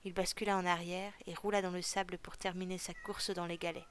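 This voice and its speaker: A woman reading a novel aloud for a podcast in a calm, steady storytelling voice. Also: lowish voice, brisk, slight background noise. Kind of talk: audiobook reading.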